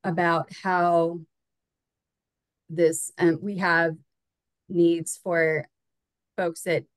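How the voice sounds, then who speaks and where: A woman on a video call casually reporting on her breakout group, halting now and then with stumbles and fillers. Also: fairly low pitch, level tone, no room sound, rough recording. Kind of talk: online workshop report-out.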